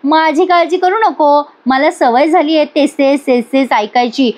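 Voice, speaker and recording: A woman's voice: high voice, a little slow, a little mellow, voice pushed up. Woman reading as Kala, a scolding young woman. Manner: indignant, scolding. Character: feisty young woman sculptor, proud, sharp-tongued. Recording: dull lo-fi recording.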